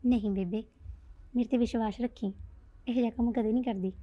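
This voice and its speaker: A woman's voice: on the high side, steady tone, brisk, dull audio, natural voice. A young woman playing a coaxing lovestruck girl. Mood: reassuring. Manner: playful, coaxing, talks to herself. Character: young schoolgirl secretly in love, coaxing. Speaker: daughter. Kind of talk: village family drama acting.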